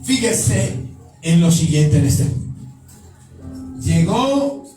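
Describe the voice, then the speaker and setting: A man's voice: high-pitched, big pitch swings, takes it slowly. A man preaching a sermon as pastor, emphatic and putting questions straight to his congregation. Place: church. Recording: echoey hall, distant mic, music behind.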